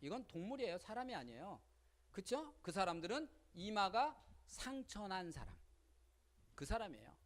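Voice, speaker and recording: A woman giving a lively seminar lecture on parenting, speaking colloquially, often asking the audience questions and acting out little quotes. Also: mid-range voice, moderate pace. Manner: colloquial, with frequent rhetorical questions and acted-out quotes.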